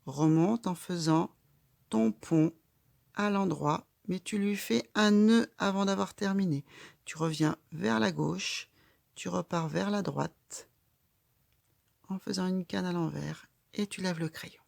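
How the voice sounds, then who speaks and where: A woman's voice: lowish voice, slow, creaky, dry recording, clean studio sound. A woman teaching handwriting, giving patient step-by-step instructions to a child. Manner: patient, calm, guiding a child stroke by stroke. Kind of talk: slow step-by-step handwriting lesson.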